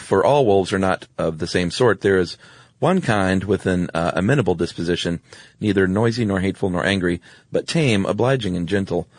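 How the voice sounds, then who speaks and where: A podcast co-host with a low-sitting voice recounts stories in a casual, wry conversational style. The recording has no echo.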